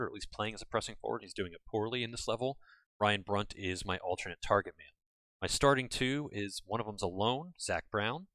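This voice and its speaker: A deep, fairly bright male voice with no room sound belongs to an American gaming channel host. He gives casual let's-play commentary from home, talking in a loose, rambling way and often correcting himself.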